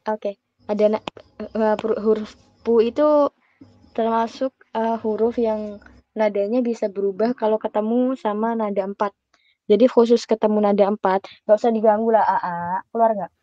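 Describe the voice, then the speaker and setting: A young woman giving a relaxed, chatty private language lesson, patient and quick to laugh. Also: medium pitch, no echo, lo-fi sound. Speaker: Mandarin tutor.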